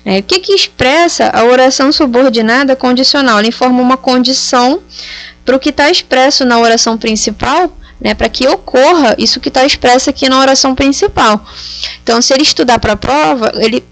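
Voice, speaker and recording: A woman's voice: high-pitched, fairly quick. A woman teaching grammar, explaining patiently and checking understanding with frequent tag questions. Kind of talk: explanatory lesson.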